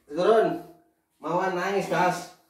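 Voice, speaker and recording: A man's voice: sits high, steady tone, takes it slowly, roomy sound, far from the mic. A man filming his family, teasing his wife in casual, playful banter and pressing her with questions. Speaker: father filming a family vlog.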